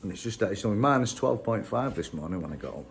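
He's a British man in his forties, a car mechanic from the United Kingdom talking bluntly and casually to the phone camera he holds at arm's length in a workshop. His lowish voice is animated and fast, with vocal fry and a little hiss or hum. The vlog chat rambles, full of fillers.

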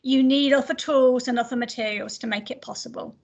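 A middle-aged woman with a high voice speaks over a video call from her home office. She answers questions after a talk in a loose, hesitant way, often restarting her sentences. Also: steady tone, a little fast, highs cut off. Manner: hesitant, many restarts and fillers. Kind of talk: casual academic Q&A.

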